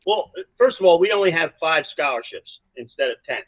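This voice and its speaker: A man's voice: fairly high pitch, a little fast, no echo. Man telling stories over a tinny line. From South Jersey, USA. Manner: animated, rambling anecdotes with many restarts. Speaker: college soccer coach, guest. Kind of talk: casual storytelling interview. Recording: dry, tinny phone-like line.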